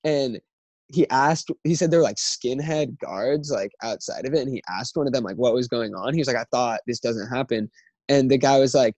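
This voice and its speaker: Young male guest, mid-pitched voice, dry sound, rambles and leans on filler words. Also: a little fast, a little mellow, no echo. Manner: rambling, heavy use of filler "like". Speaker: podcast guest. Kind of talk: casual podcast chat.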